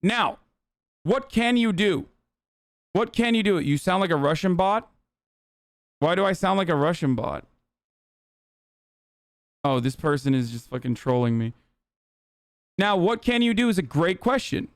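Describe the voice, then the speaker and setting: This streamer's political takes on clips come out blunt, profane, and padded with filler words, delivered expressively and unhurriedly with long pauses. His voice is somewhat high, smooth, and resonant. The audio is close and dry with no echo.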